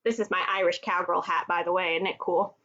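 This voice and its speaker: A woman's voice: fairly low pitch, fairly even intonation, brisk, sharp tone, lo-fi sound. A woman from Texas, a music therapist, leading a children's movement and music class and cheerfully speaking straight to the kids at home. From Texas, USA. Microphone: computer microphone.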